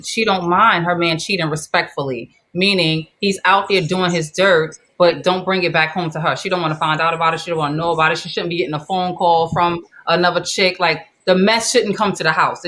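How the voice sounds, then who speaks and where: A woman's voice: fairly low pitch, a bit bright. A woman co-hosting a live chat show, hyped and playful as she opens and talks through the topic. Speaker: podcast co-host opening the show.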